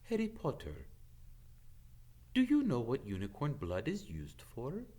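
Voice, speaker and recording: A man voicing a noble, grave centaur with measured, formal, earnest speech in a storybook reading. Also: mid-range voice, huge pitch swings, dark tone, voice pushed up. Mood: grave, solemn. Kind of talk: dramatic audiobook character reading.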